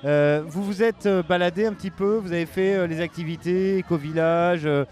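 A man's voice: sits high, moderate pace, a little mellow. A man hosting an on-site radio interview, hesitant and full of fillers, with music playing behind him. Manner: hesitant, many fillers, insistent about mic distance. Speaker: radio host.

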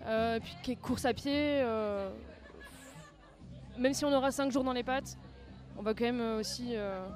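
A woman's voice: fairly high pitch, a little slow, a little mellow, some chatter behind. A woman competing in an adventure race, answering interview questions hesitantly with many restarts, music faintly behind. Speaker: race participant.

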